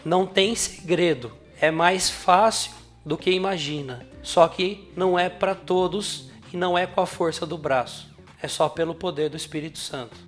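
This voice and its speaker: A man's voice: high voice, moderate pace, soft background music. A man speaking through a voice changer with a Brazilian Portuguese accent, an earnest podcast co-host reflecting on faith. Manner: earnest, emphatic repetition. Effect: voice changer, altered voice.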